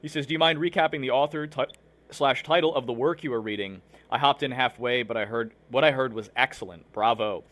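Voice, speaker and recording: A man's voice: mid-range voice, fairly quick, a bit bright. A man with a mid-range voice hosts a live online show, chatting loosely to his viewers. He rambles with plenty of fillers and restarts while a bout of hiccups keeps interrupting him. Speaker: livestream show host. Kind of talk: casual livestream talk to viewers.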